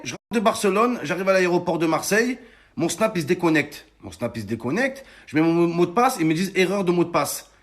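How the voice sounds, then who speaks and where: A man's voice: sits high, a bit bright. A man, telling a story in a heated vlog rant, swearing and acting out the other people in it. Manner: heated, emphatic, swears a lot, acts out callers. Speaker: influencer telling his story.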